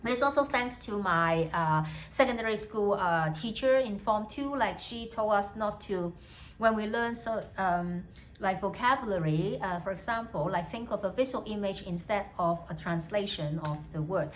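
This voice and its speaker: Her medium-pitched voice comes with slight background noise as this young Hong Kong student talks casually to her video diary. A native Cantonese speaker with a Hong Kong accent, she hesitates frequently, uses fillers, and repeats each thought in English, then Cantonese.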